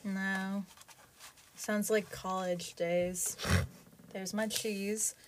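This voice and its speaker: A woman's voice: medium pitch, little pitch movement, very slow. A young woman in casual vlog chat, talking in a chatty, rambling way while recording inside a small closet at home. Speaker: vlogger. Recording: light background noise.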